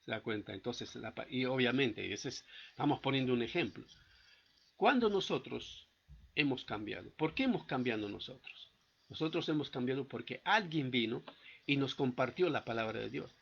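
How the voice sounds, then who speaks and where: A man's voice: mid-range voice, animated, moderate pace, gravelly, fairly bright tone, slightly rough, highs cut off. A man preaching a sermon at a church service, often stopping to ask the congregation whether they follow him. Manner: asks the congregation frequent rhetorical check-in questions.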